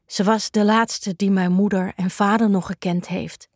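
A woman's voice: medium pitch, fairly even intonation, unhurried, no room sound, clean studio sound. A woman voicing a sly, greedy male cat who speaks in a subdued way in a children's story. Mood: sad.

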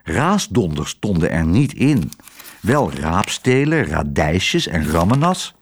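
A man narrating a children's storybook in an expressive way. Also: low-pitched, slow pace, a little hiss or hum. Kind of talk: storybook reading.

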